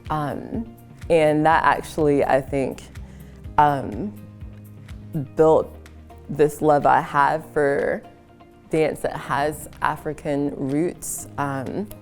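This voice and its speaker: A woman from South Florida reflects in an interview, calm and unhurried. Her voice is low, with faint music in the background. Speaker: performing artist.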